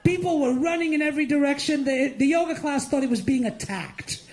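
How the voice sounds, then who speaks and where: High-pitched middle-aged guy from india doing stand-up, animated, mocking. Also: fairly quick. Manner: animated, mocking, with lively acted-out asides. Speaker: stand-up comedian and host. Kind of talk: stand-up comedy set. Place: live comedy show before an audience.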